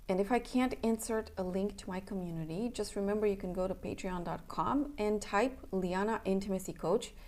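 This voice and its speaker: In an earnest, plainspoken casual announcement, a young Romanian somatic coach, a native speaker of Romanian, keeps checking in with "okay?" Her medium-pitched voice is a little mellow.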